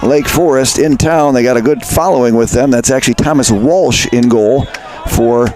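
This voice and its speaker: Male play-by-play announcer for high school lacrosse, mid-pitched, chatty and self-correcting, recorded outdoors with faint background noise. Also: normal speed, a little mellow. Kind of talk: live lacrosse commentary.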